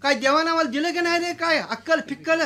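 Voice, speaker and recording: A man voicing a bossy, loud old village landlord who scolds and mocks his helper in a told story. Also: very high voice, moderate pace, voice pushed up. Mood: scolding.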